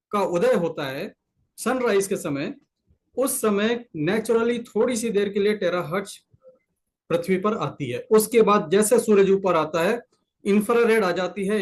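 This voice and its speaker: Man, Indian accent, high voice, video-call presentation, explanatory, repeats points. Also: rough recording. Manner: explanatory, repeats key points, mixes English terms into Hindi. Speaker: presenter explaining a product's science. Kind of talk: online presentation sharing a screen. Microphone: computer mic on a video call.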